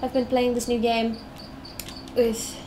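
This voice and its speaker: This young South African woman, a live-streaming digital artist, has a slow, slightly high voice and an accent that mixes British with American-tinged English. She chats and hums to herself, thinking aloud in a wandering way while she draws. The recording carries steady noise with crickets.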